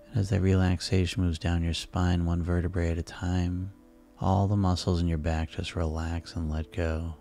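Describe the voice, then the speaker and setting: A man guiding sleep hypnosis in a soft, soothing, unhurried manner, leaving pauses between phrases. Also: sits low. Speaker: hypnosis guide. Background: relaxation music.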